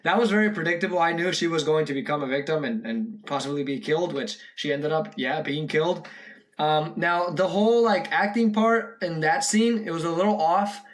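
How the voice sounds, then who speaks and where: A man's voice: on the high side, brisk. A young man giving casual, rambling reaction commentary on a short horror film, full of fillers and restarts. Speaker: video reactor.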